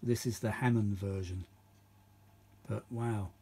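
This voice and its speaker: His voice is on the low side, a little mellow and husky, with fairly even intonation and a slow delivery. This middle-aged man hosts a vintage audio video, chatting casually and without a script as he works hands-on. He rambles, thinks aloud, and repeats himself often.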